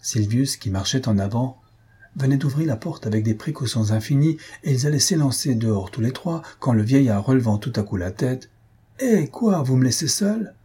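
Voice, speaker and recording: A man narrating an audiobook in a strongly husky voice. His tone is dark and mellow, with an even, measured delivery. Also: mid-range voice.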